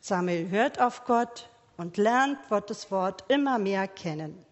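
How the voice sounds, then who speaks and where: Slow gentle woman preaching in a hall. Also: mid-range voice, animated, lo-fi sound. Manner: gentle, questioning, measured. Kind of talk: slow sermon for church and children. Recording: long reverb of a church hall.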